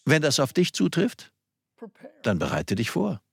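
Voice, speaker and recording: A man's voice: a little high, huge pitch swings, measured pace, gravelly, breathy edge, no echo, clean studio sound. A man in his sixties preaching a sermon, speaking straight to his listeners with questions and encouragement.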